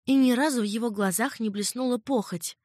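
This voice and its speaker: Shy giggly young maid, light high voice, woman reading, dry sound. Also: a little fast, a little mellow, no room sound, lightly acted. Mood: cautious. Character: timid, giggly young maidservant.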